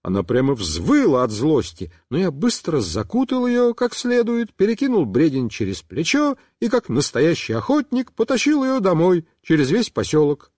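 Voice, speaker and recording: A man reading a children's story aloud in a first-person voice, with expressive storytelling. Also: on the high side, normal speed, few pauses, dry recording, clean studio sound. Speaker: reader.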